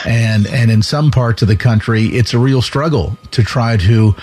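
A man hosting a radio talk show, asking long, measured interview questions. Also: medium pitch, noisy background.

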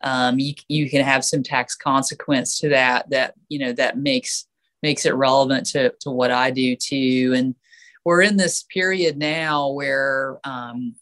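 A woman's voice: very deep voice, a bit bright. Woman, nasal, stuffy from allergies, podcast guest, explanatory tone. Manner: explanatory, frequent fillers and restarts. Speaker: certified financial planner guest.

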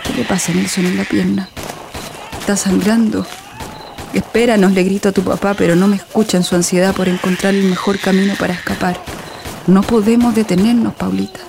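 A woman's voice: mid-range voice, fairly even intonation, a little fast, creaky, noisy background, close to an everyday voice. An actress playing a desperate young mother on the run. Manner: breathless, urgent, grieving. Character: young mother fleeing with her baby, desperate. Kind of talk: audio drama narration in first person.

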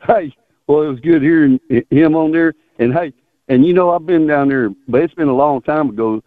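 A man's voice: fairly high pitch, no echo. Folksy man on tinny phone. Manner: folksy and halting. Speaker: radio show caller. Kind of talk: casual rambling chat. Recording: tinny narrowband phone line.

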